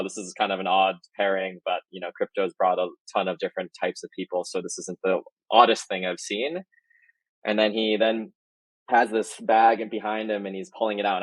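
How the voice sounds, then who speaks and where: A man's voice: fairly low pitch, no room sound, low-quality recording. Man telling a rambling podcast story. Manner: rambling, self-correcting anecdote teller. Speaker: marketing executive guest.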